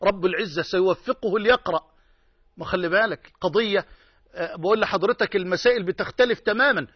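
A man with an Egyptian accent preaches a sermon in a very high-pitched voice, stressing and repeating his key phrases. The sound is close and dry with no room echo. The audio is dull and slightly muffled. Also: fast, slightly rough. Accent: Egyptian Arabic.

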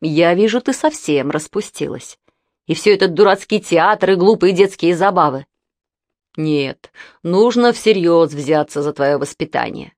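A woman's voice: on the low side, lively intonation, a little slow, darkish tone, no echo, studio quality. A woman voicing a strict middle-aged aunt who scolds in curt, stern phrases. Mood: scolding.

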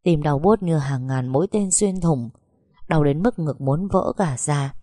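A woman narrating an emotional first-person story for an audiobook, slow and heartfelt, on a close mic. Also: low voice, dark tone, no room sound.

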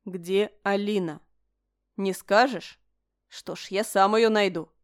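A woman reading aloud and voicing a stern young emperor who questions flatly and insistently. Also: mid-range voice, clear, resonant tone, natural voice. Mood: cold. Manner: flat, insistent, slow questioning. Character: stern young male emperor, cold and demanding.

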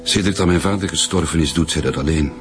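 In a naturalistic radio drama, a young adult man plays a bereaved boyfriend who is earnest and defensive. His voice is very deep and fast, with faint music behind it.

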